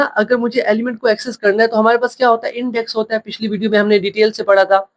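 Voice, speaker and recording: A man teaching programming in a screen-share coding tutorial, patiently repeating points and checking that listeners follow. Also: high voice.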